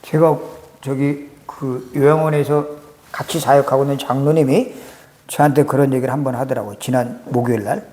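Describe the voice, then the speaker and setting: A man's voice: medium pitch, steady tone, moderate pace, mellow. A man, a pastor, preaching a sermon and asking the congregation rhetorical questions. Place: church sanctuary. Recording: echoey church hall reverb.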